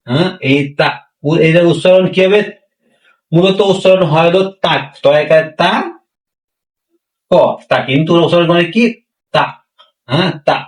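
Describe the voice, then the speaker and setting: A man teaching a language lesson, repeating phrases slowly and asking the class rhetorical questions. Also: a little high, expressive. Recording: roomy, mic far from speaker.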